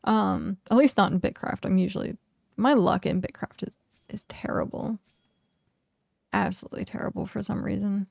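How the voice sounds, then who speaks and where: A woman's voice: medium pitch, brisk, creaky, darkish tone, dry recording, clean studio sound. A young woman game streamer chatting casually and rambling, with lots of "like", while she plays. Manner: rambling, chatty, heavy use of "like". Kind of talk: casual live-stream chat while gaming.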